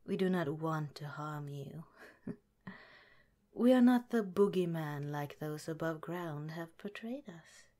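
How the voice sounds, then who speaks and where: Soft and breathy, a woman voices a gentle, courteous scientist director who is calm and caring, as part of an ASMR roleplay. Her pitch sits low.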